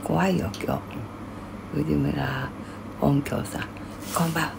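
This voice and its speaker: Older lady streaming at home, super gravelly voice, whispers comments then grumbles out loud, noisy audio. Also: low-pitched, fairly even intonation, slow pace. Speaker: livestreamer. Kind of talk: casual livestream chat reading viewer comments.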